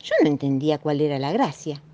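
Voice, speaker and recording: A woman with a Rioplatense accent reading a children's story aloud in an expressive, playful way. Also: deep voice, a little fast, dry recording. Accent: Rioplatense Spanish. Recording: dull muffled recording.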